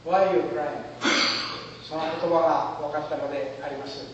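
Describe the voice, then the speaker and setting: High-voiced man orating in an echoing hall. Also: level tone, a little hiss or hum. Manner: formal oratorical phrasing, emotive pauses. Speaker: speaker. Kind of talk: dramatic storytelling speech. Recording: echoey hall from far off, dull.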